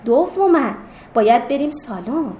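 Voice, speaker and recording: Woman playing a bossy schoolgirl ringleader, loud. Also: high-pitched, very animated, reverberant, a little hiss or hum. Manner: loud, commanding, dramatic.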